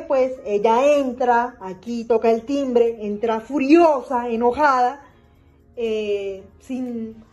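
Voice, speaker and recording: A woman's voice: sits high, darkish tone, poor audio. A young woman vlogging in character as a pregnant vampire mom, retelling events chattily with lots of fillers and repeats. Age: young adult. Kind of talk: in-character vlog storytelling.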